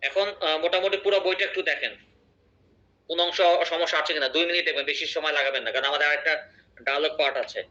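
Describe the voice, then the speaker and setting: A man's voice: fairly high pitch, steady tone, very fast, sharp tone, lo-fi sound. A man teaching English in an online class. He explains patiently and keeps checking that the class follows.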